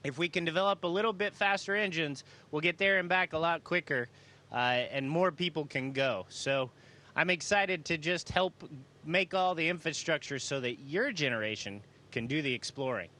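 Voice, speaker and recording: A man with a fairly high, bright voice talks as an astronaut taking questions from students. He is casual and folksy, explaining things with open enthusiasm. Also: moderate pace.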